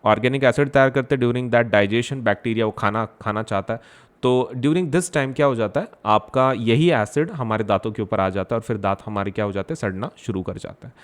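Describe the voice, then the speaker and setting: A man's voice: on the low side, lively intonation, brisk. Young guy teaching online, hindi english mix, keeps asking then answering himself, lots of "uh"s. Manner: mixes Hindi and English, asks and answers his own questions; frequent fillers and restarts, emphatic stresses. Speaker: science teacher. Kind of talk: online exam revision lesson.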